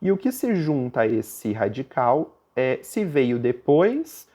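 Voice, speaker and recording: A man's voice: sing-song, slow pace, warm tone. A man with a Brazilian Portuguese accent, teaching a recorded grammar lesson and explaining step by step. He often stops to check that the listeners are following. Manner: puts on a student's objection in a higher voice.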